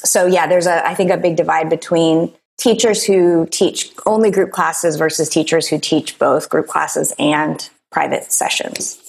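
Chatty woman in her forties, low-pitched. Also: fairly even intonation, a little slow, vocal fry, few pauses, slightly rough. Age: 40s. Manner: chatty, frequent fillers and short laughs. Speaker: guest, yoga teacher and author. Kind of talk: casual interview conversation.

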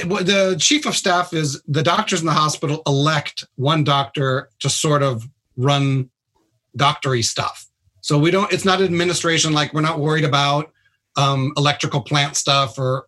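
The doctor on this radio interview explains things informally and plainly. He speaks at a moderate pace in a fairly high, sharp voice that keeps a steady tone.

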